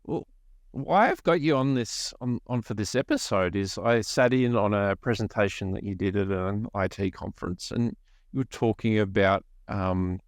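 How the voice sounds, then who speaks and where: Aussie guy hosting a podcast, deep-ish voice, relaxed and chatty, no room echo. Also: moderate pace, studio quality. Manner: casual, friendly, with fillers. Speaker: podcast host. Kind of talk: podcast interview.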